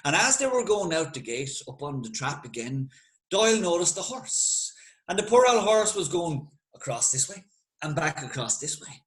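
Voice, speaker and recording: Lively Irish male storyteller. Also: a little high, poor audio. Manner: lively, conversational, dramatic pauses. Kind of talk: spoken folk tale narration.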